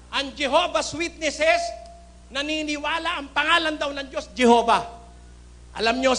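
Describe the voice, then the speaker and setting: A man preaching in a Filipino accent, forceful and indignant, firing rhetorical questions at his congregation. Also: extremely high pitch. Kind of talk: Taglish sermon with Bible readings.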